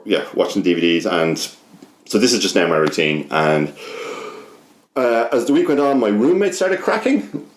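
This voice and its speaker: A young Irish man with a lowish voice tells a personal story as a podcast guest, casual and sweary, rambling and frequently cutting himself off. The recording has a reverberant sound.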